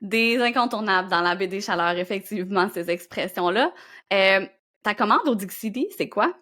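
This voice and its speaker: A woman from Gaspésie hosting a podcast, engaged and warm while interviewing her guest. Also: medium pitch, lively intonation, normal speed. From Gaspésie, Quebec. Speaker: podcast host.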